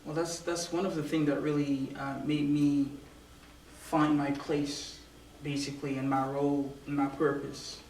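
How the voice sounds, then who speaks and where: Soft-spoken hesitant male guest. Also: on the high side, little pitch movement, measured pace. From born in Romania, raised in Africa. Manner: hesitant, repeats words while thinking. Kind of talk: casual interview chat. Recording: roomy, distant mic, faint noise.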